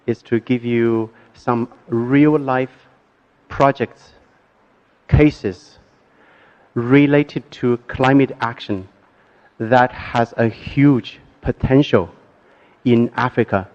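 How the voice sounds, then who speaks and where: A man giving a careful, deliberate presentation at a workshop, speaking slowly for interpreters, with frequent pauses and fillers. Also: medium pitch, steady tone, highs cut off. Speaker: conference presenter. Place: workshop conference hall.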